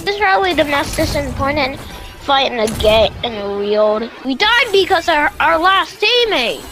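Woman gamer, high-pitched, casual teammate banter, clear music bed underneath. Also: big pitch swings, moderate pace. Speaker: video game player. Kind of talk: casual in-game chat.

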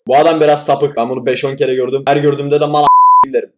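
A young man from Turkey hosting a reaction video, joking, swearing and tossing quick asides. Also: mid-range voice, level tone, a little mellow, slight background noise. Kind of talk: casual reaction commentary.

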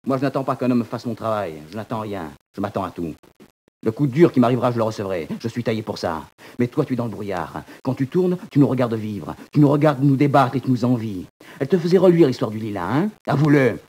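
A man's voice: mid-range voice, lively intonation, fast. An actor playing a bitter, taunting young male prisoner in a 1940s radio drama, sneering and accusing. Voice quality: husky, gravelly. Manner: sneering, accusing, swings to shouting.

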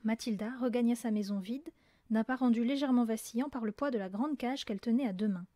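Brief: woman audiobook narrator, expressive, a bit high, dry close mic. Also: quick pace, dry recording. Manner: lively, expressive reading. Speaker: audiobook reader. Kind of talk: storybook narration.

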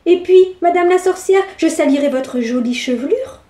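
A woman's voice: very high-pitched, animated, normal speed, dark tone, voice pushed up. A woman doing a cheeky little boy. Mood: pleading. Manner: polite and mischievous, then talks back. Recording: echoey room.

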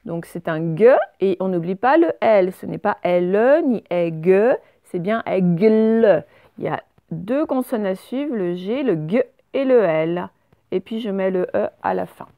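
Woman, primary teacher, slow and patient, letter-by-letter spelling, dry close recording. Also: medium pitch, expressive, no room sound, highs cut off. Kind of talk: recorded remote spelling lesson.

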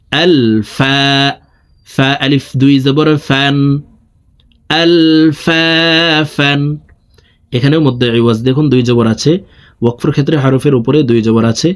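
Slow, drawling Bangladeshi male recitation teacher. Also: medium pitch, fairly even intonation. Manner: spells letters then drawls syllables, quick plain explanations. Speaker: Quran reading teacher. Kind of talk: slow spelled-out recitation lesson.

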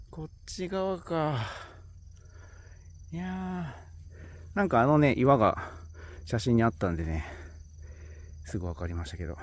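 This Kansai-accented travel vlogger, hiking a rocky hillside, records himself on a handheld smartphone and narrates in a chatty, exclamation-filled way. His voice is fairly high with a darkish tone. A little hiss or hum can be heard.

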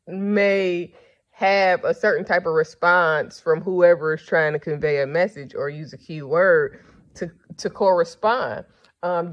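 A woman's voice: on the low side, lo-fi sound. A woman podcast host giving a casual, rambling monologue, blunt and profane, sleepy and yawning.

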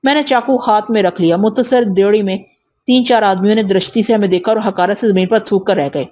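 A woman reading an audio novel aloud in first person, steady and measured. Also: mid-range voice.

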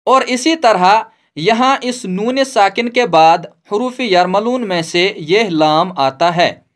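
Man, recitation teacher, slow and patient, high voice, models each phrase. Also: lively intonation, a bit bright. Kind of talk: step-by-step recitation lesson.

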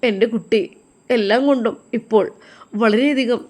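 Woman doing a hushed, tearful old father. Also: moderate pace, lightly acted. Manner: low, hushed, choked delivery.

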